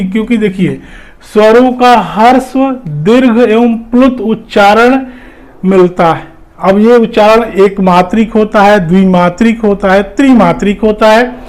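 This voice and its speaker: A man's voice: sits high, a little mellow. A man teaching an exam-prep lecture, explaining step by step with frequent fillers and repetitions. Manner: explanatory, repeats points, many fillers.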